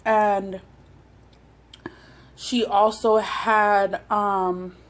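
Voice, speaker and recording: Between mouthfuls, a woman rambles hesitantly through personal anecdotes in a relaxed, mukbang-vlogger style of storytelling while eating. She speaks at a medium pitch with a level tone and draws out her words.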